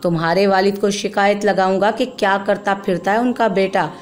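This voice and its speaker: Woman voicing a vengeful, shouting gardener. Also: medium pitch, steady tone, moderate pace, soft background music, close to an everyday voice. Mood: angry. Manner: bitter, shouting. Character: angry, vengeful male gardener.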